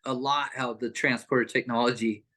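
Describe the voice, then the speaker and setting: A man's voice: medium pitch, flat delivery, normal speed, sharp tone. A man casually telling a childhood story on a video call, rambling, with many fillers and restarts. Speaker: group participant.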